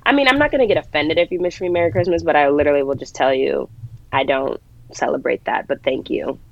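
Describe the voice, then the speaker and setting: A woman's voice: low-pitched, quick pace, creaky, dull audio. A woman chatting casually as a podcast co-host, slangy and playfully argumentative, speaking while sick. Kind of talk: casual chat.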